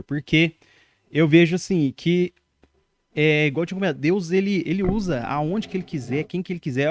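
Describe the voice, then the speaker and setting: A young man hosting a casual interview, echoing his guest's words and framing things in religious terms. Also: fairly high pitch. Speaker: podcast host.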